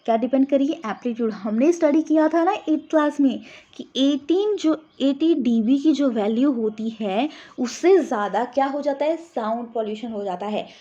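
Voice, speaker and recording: High-voiced woman teaching physics, lo-fi. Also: moderate pace, hardly any pauses, mellow. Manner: explains step by step, keeps asking "samajh aa gaya?" to check. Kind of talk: exam-prep physics lesson.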